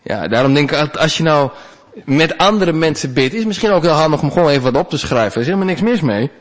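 A male pastor giving a sermon in a conversational, animated way, with big swings in pitch. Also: fast talker.

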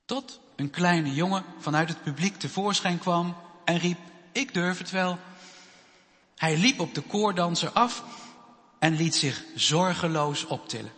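A man giving a children's sermon and telling a story slowly, with pauses. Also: on the high side, a bit bright. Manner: slow, storytelling delivery with pauses. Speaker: preacher. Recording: long hall reverb.

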